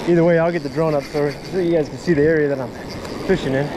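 Like a fishing vlogger, a man chats casually to viewers in an excitable, folksy, slangy way, his voice a little high and fast. He's outdoors on an open sea beach, recorded by a body-worn action camera that picks up wind and breaking surf.

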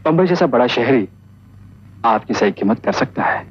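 A man's voice: medium pitch, lively intonation, moderate pace, close to an everyday voice. An actor playing an encouraging male acquaintance who gives advice. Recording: dull old film soundtrack, faint noise.

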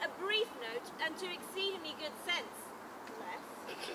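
A woman's voice: very high-pitched, a little slow. A woman on an open-air stage playing a sly, teasing servant who comments with wry amusement. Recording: outdoor recording with traffic noise.

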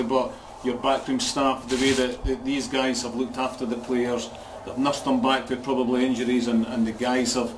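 A man's voice: mid-range voice, background noise. Hesitant man interviewing for club TV. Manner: rambling, hesitant questions. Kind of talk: post-match interview.

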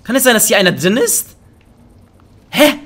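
A young man doing excitable, joking let's play commentary on a headset mic, with bursts of high laughter. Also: moderate pace. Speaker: gaming YouTuber. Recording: faint game gunfire behind.

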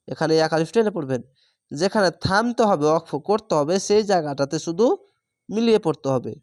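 A man's voice: high-pitched, dry recording, studio quality. A man teaching Quran reading, spelling out each syllable and then drawing out the joined word. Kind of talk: slow spelled-out Quran recitation lesson.

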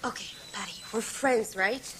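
A young woman playing a perky, chatty, excitable teenage girl in a TV sitcom, bubbly and rambling. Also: fairly high pitch, measured pace, close to an everyday voice. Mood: placating. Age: young adult. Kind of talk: broad teen sitcom acting. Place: studio fast-food kitchen set. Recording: noisy old TV sitcom recording. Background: studio audience.

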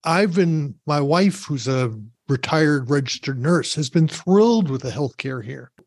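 A man's voice: fairly high pitch, lively intonation, a little slow, a little mellow, no room sound, clean studio sound. A middle-aged man hosting an interview podcast, talking in a conversational, matter-of-fact way with some hesitations. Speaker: podcast host. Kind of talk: casual interview talk.

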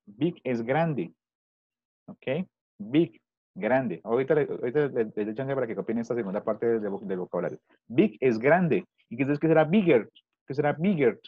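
A man teaching children over a video call, asking the same question again and again with patience. His voice comes through dull and slightly muffled, and it sounds very dry and close. He speaks at an everyday middle pitch. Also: lively intonation, normal speed, husky, no room sound. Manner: patient, repeats questions to pupils. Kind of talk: online English class taught in Spanish.

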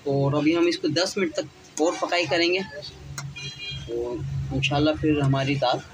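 A man's voice: fairly high pitch, measured pace. Chatty man explaining a recipe, noisy kitchen. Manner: chatty, plain explaining with frequent filler phrases. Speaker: home cooking channel host. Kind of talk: casual step-by-step cooking instructions.

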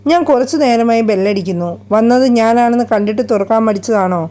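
A woman voicing a gruff, threatening male moneylender with a sneering, menacing manner. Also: a little high, brisk, warm tone, lightly acted. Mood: impatient.

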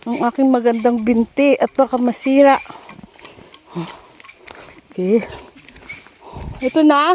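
A high-voiced woman talking slowly into a phone on a forest trail, out of breath and exclaiming at every turn. A faint hiss of outdoor noise sits under her voice, with a stream running nearby. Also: a little mellow. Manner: chatty, exclaiming, mixes English into Tagalog. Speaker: vlogger. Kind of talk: casual hiking vlog narration.

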